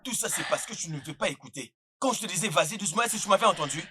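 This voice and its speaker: An actor dubbing a male friend who keeps pleading for calm and then scolds, in a dubbed film. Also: sits high, racing, a little hiss or hum. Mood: scolding. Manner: soothing, pleading. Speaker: brother's friend.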